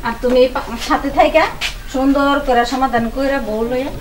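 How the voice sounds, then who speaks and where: A woman's voice: sits high, steady tone, normal speed, natural voice. An actress playing a village mother who blesses her son and fusses over him, in a rural folk drama. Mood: fussy. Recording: distant voice with faint noise.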